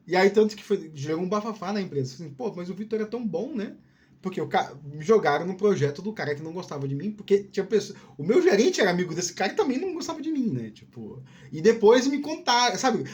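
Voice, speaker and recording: A man's voice: sits high, darkish tone. A middle-aged man with a Northeastern Brazilian accent who hosts a channel. He talks to camera in a candid, rambling way, with restarts and "né, cara" tags. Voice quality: drawling speech. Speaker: YouTube channel host. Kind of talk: casual solo talk to camera.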